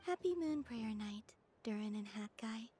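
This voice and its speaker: A woman voicing a gentle, curious young woman visiting a festival in a video game, speaking in an unhurried way. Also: a little high, animated, close to an everyday voice. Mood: politely calm. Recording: music playing behind the voice.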